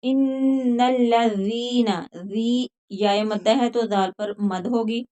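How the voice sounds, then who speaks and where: A woman's voice: medium pitch, fairly even intonation, slow pace, warm tone. Patient woman teaching Quran recitation. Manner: patient, explains each rule then recites drawn out. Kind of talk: slow tajweed lesson, explaining then chanting verses.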